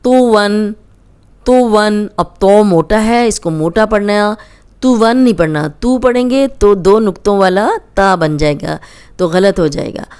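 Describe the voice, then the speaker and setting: A woman teaching Quran recitation, drilling each word slowly and then explaining quickly in a lower voice. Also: expressive, a little mellow, smooth. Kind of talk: slow drilled recitation lesson.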